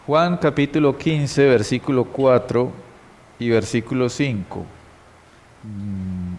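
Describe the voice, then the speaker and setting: A man with a Colombian Spanish accent leads a church Bible class, reading scripture aloud and quizzing the group with questions and repeated key words. His voice is medium in pitch, slightly mellow, and unhurried.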